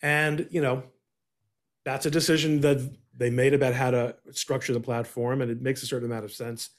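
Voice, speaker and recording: A middle-aged man hosting a podcast interview over a video call, speaking in a measured, deliberate way. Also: mid-range voice, little pitch movement. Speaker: podcast host. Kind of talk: conversational interview.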